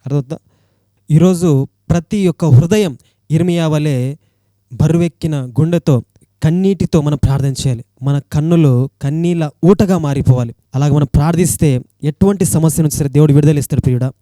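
A male preacher with a Telugu accent, pressing his listeners with earnest rhetorical questions in a sermon. His voice sits high yet sounds dark and mellow. The recording is dry, with no room echo. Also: brisk.

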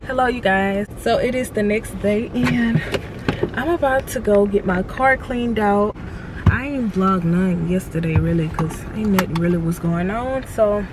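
A woman's voice: mid-range voice, a little slow, background noise. A woman in her twenties vlogging casually to camera, chatty and slangy. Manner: laid-back, chatty, slangy. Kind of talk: casual vlog talk to camera.

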